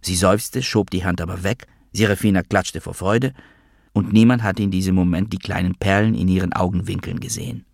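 A man's voice: low voice, fairly even intonation, brisk, creaky, darkish tone, dry recording. A man narrating a literary audiobook in a dry, ironic storytelling manner.

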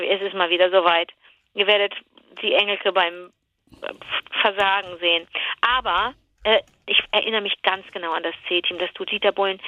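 A woman's voice: mid-range voice, lo-fi sound. A middle-aged woman co-hosting a podcast in casual chat, playful, giggly and self-mocking. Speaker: podcast co-host.

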